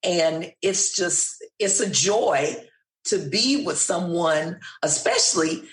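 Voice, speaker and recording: A woman in her sixties, a retired math teacher, chatting as a guest in a relaxed, thoughtful way with many pauses. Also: fairly low pitch, reverberant. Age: 60s. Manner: slow, thoughtful, with fillers. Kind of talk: casual interview chat.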